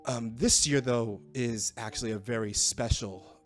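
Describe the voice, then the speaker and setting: A man's voice: medium pitch, faint music behind, natural voice. A man playing a nervous young party host. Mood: showman. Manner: stammering, halting. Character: young male student brewer, eager and nervous.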